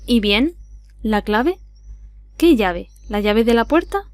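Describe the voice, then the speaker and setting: A woman with an Andalusian accent voicing an excitable, absent-minded older professor in an audiobook, with abrupt exclamations. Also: on the high side, slow pace, no echo. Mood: puzzled.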